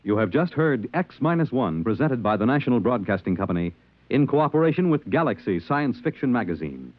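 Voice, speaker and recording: A man's voice: mid-range voice, no echo. American guy doing old-timey radio announcer, formal script read, very melodic, muffled old broadcast. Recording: dull vintage radio broadcast. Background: music.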